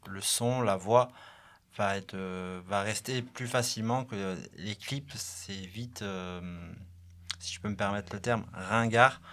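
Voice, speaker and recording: Low-voiced man, measured radio guest. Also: fairly even intonation, fairly bright tone. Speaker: guest, choir association member. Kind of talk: casual radio interview. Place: small radio studio.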